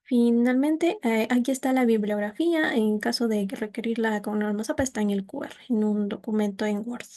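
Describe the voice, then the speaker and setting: A woman's voice: on the high side, normal speed, few pauses, mellow. Young woman giving a class talk. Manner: explanatory, with hesitations and restarts. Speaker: student presenter. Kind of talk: class presentation.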